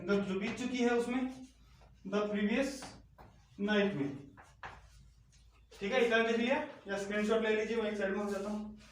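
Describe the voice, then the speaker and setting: A man with a Hindi accent teaching English grammar step by step, repeating key words slowly and asking questions of his students. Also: sits high, far from the mic. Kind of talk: slow step-by-step online lesson. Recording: echoey room, off-mic, faint noise.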